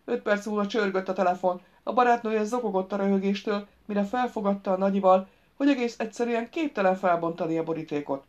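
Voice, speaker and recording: A woman's voice: medium pitch, highs cut off, lightly acted. Woman doing a snappy, stubborn little girl. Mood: indignant. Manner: snappy, indignant. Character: stubborn, sharp-tongued young girl.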